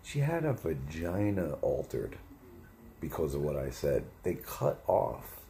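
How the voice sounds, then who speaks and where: A man's voice: a bass voice, big pitch swings, measured pace, warm tone, slight background noise. A man hosting a livestream, telling crude, profane, rambling stories and correcting his own details as he goes. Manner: self-correcting, second-guesses details. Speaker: livestream host. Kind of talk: casual storytelling monologue. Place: home livestream setup.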